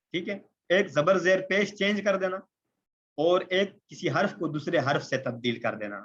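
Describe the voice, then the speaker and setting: On a slightly dull, lo-fi recording, a Pakistani man with a somewhat high, fairly bright voice teaches a tajweed lesson for Quran recitation. He explains step by step, repeats points with frequent "ٹھیک ہے" check-ins, and slows down for Arabic terms and examples.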